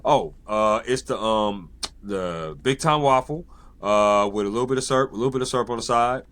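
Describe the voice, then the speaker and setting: A man with a very low, deep voice hosts a casual podcast chat. He comes from San Diego and talks loosely, stacking fillers and friendly affirmations as he goes. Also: normal speed, no room sound. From San Diego, United States. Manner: relaxed, many fillers and repeated affirmations. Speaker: podcast host and sports journalist.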